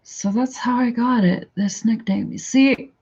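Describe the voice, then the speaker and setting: A woman with a Canadian accent chats casually on a livestream, rambling, thinking aloud and answering chat from her viewers. Her voice is a little high and unhurried, with a dark, slightly rough tone, and the audio sounds dull.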